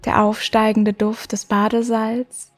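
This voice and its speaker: A woman hosting a meditation podcast, guiding the listener in a soft, slow, soothing way with long pauses. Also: on the high side, completely flat delivery. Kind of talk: guided meditation. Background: music.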